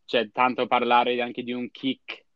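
A man's voice: mid-range voice, completely flat delivery, unhurried, a loud crowd. A man giving casual football analysis as a panelist, recorded in slightly dull, lo-fi sound. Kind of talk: casual sports analysis chat.

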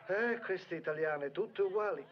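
A man's voice: sits high, a little slow. A man playing a fond, fatherly male friend in a dubbed vintage film comedy, with lo-fi old film sound. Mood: praising.

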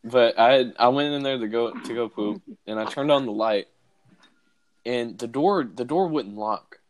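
A man's voice: mid-range voice, normal speed. A young man hosting a podcast, telling a story in casual chat with frequent laughter. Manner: animated storytelling, laughing often. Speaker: podcast host.

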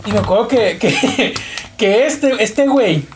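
A man's voice: high voice, animated, a little slow, slight background noise. A man with a Mexican accent telling anecdotes in casual, slangy and profane street talk as a podcast guest. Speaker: podcast co-host, returning guest.

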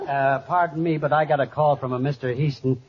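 An actor playing an officious, playfully patronizing curfew officer in an old radio comedy, with a coaxing manner. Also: male voice, mid-range voice, fairly even intonation, fairly quick, some chatter behind, lightly acted. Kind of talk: 1940s radio comedy acting. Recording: muffled, noisy old radio, live audience.

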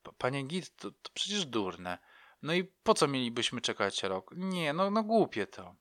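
A man's voice: mid-range voice, big pitch swings, unhurried, fairly bright tone, no room sound, clean studio sound, voice pushed up. A man voicing a hesitant, stammering young male prisoner in a crime story. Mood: doubtful.

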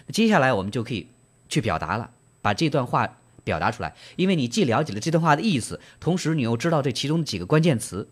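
A man's voice: mid-range voice, sing-song, quick pace, breathy edge. A man hosting a book club, explaining and retelling in trained standard Mandarin with frequent fillers and questions to the listener. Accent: standard Mandarin, broadcast-trained. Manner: gentle storyteller, asks listeners rhetorical questions. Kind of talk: book reading and discussion.

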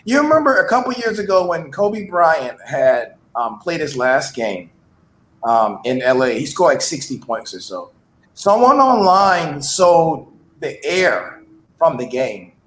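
Brief: man, high and very animated pitch, echoey room, brash chat. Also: a little slow. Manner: lively, storytelling, hustler bravado. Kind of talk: casual chat.

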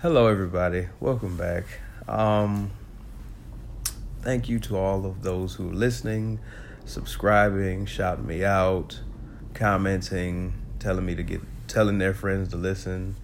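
A man with a congested, rough voice hosting his own casual solo podcast, talking loosely, laughing often, swearing and repeating words as he goes. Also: low-pitched, fairly even intonation, measured pace, a little hiss or hum. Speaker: podcast host.

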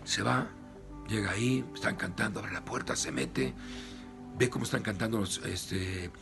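Un rabino con acento mexicano que narra una historia con animación y muchos "este". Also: male voice, lowish voice, normal speed, gravelly, music in the background. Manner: lively retelling with many "este" fillers. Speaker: rabbi. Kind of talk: storytelling.

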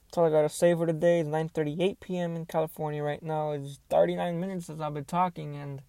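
Creaky young man rambling into earbuds mic. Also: fairly high pitch, flat delivery, fast talker, no echo. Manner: unscripted, hesitant, thinking out loud. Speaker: podcaster. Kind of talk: casual rambling solo podcast monologue. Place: inside a car.

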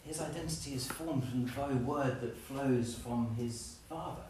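A man preaching a lively sermon, acting out scenes with playful voices. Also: medium pitch, normal speed, a little hiss or hum. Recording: echoey room, from a distance.

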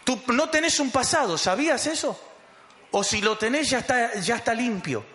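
A man's voice: very high-pitched, animated, moderate pace, bright, forceful tone, echoey room. A man preaching a sermon as pastor, emphatic and calling the congregation to repeat after him.

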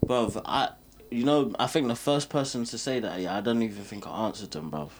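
A man's voice: fairly low pitch, brisk, slightly rough. A young man with a London roadman accent chatting casually with a friend, heavy on slang and repeating phrases for emphasis. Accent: London, urban roadman slang. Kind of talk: casual banter between friends.

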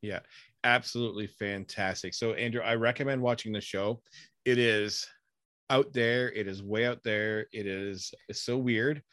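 A man's voice: on the low side, fairly even intonation, normal speed, fairly bright tone, no echo, studio quality. A man hosting a podcast, chatting casually and rambling through enthusiastic recommendations. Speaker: podcast host. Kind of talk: casual chat.

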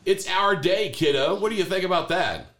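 Man, podcast co-host, casual family chat, animated pitch, playful questions. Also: normal speed. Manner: playful, prompting questions with fillers.

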